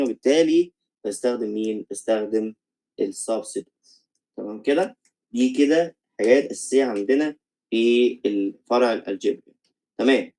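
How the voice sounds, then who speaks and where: A man's voice: mid-range voice, mellow, low-quality recording. A young man with an Egyptian accent teaching college math in a recorded lecture, explaining step by step, checking "okay?" after each point and mixing English math terms into his Arabic.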